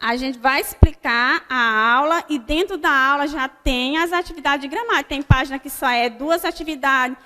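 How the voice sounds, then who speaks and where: A Brazilian woman teaching a recorded grammar lesson to children, spelling out example words slowly and checking in with her pupils. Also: high voice, sharp tone. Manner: slow, deliberate word-by-word dictation with frequent "né?" checks. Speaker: primary school teacher. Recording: long hall reverb.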